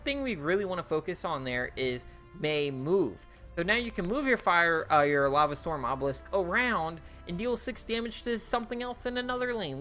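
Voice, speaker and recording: A young man casually reviews cards for a card game, thinking out loud with many fillers and restarts. His voice is fairly high and sharp-toned, and it grows worn as he's losing it.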